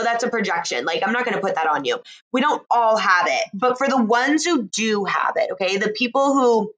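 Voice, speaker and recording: A woman talking casually and intimately to her listener in an unhurried, drawn-out way, reassuring and encouraging. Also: medium pitch, a bit bright. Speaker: host speaking to listeners. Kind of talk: intimate, casual motivational talk.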